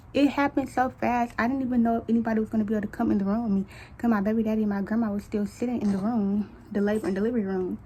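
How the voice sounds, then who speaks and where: A woman in her late teens telling a casual storytime to camera at home, chatty and candid, talking straight to her viewers with quick colloquial asides. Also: on the high side, a little mellow, a little hiss or hum, rough recording. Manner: chatty, addresses viewers as y'all. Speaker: vlogger. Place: at home, baby nearby.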